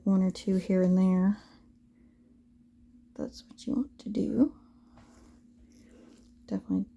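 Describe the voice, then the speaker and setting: Female craft tutorial host, informal and hands-on, husky with a soft dark tone, talking through the work. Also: medium pitch. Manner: informal, thinking aloud while working.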